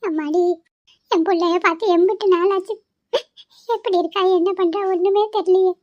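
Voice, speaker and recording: A woman's voice: high voice, steady tone, fast talker, dry recording, lo-fi sound, lightly acted. A woman voicing an old grandmother in a cartoon who longs to see her granddaughter and scolds her grown son. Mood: tearful longing. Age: older. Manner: scolding and pleading. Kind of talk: cartoon voice acting.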